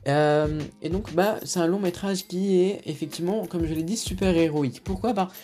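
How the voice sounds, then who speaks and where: A man's voice: high voice, normal speed, dark tone, soft background music. Hesitant French man hosting a podcast. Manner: hesitant, many fillers and restarts. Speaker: podcast host. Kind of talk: casual film review podcast.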